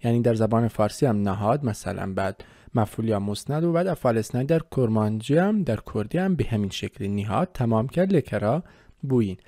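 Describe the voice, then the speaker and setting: A man's voice: on the low side, animated, mellow, no room sound, clean studio sound. A man teaching a grammar lesson, methodically walking through word forms and repeating each ending. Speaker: language teacher.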